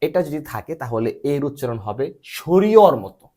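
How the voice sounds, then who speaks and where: A man teaching English pronunciation in a patient lesson, quizzing his student and spelling letters out slowly. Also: a little high, sing-song, dark tone. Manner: asks frequent check questions and spells letters out slowly.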